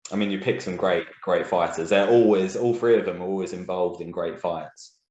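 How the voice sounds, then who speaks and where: A man's voice: deep voice, moderate pace, darkish tone, lo-fi sound. A man hosting a podcast interview, introducing segments in an upbeat way. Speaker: podcast host. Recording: echoey room.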